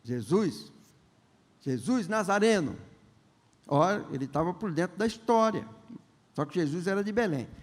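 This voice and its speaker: High, lively preaching bishop in echoing hall. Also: male voice. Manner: conversational, joking, asks the congregation questions; acts out the characters' lines in quick voices. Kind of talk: sermon. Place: large church hall. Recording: long church-hall reverb.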